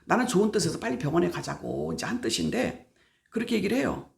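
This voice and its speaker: A middle-aged woman pastor with a lowish voice and vocal fry preaches quickly, her pitch swooping wildly. At this prayer meeting she stresses her points emphatically by repeating words and acting out everyday dialogue.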